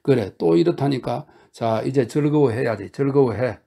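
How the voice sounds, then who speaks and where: A man reading a novel aloud, voicing a fiery, jealous young woman who scolds and coaxes in a raised, gravelly voice. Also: mid-range voice, a little fast, dark tone, close to an everyday voice. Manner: scolding, coaxing, insistent. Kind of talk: audiobook character reading.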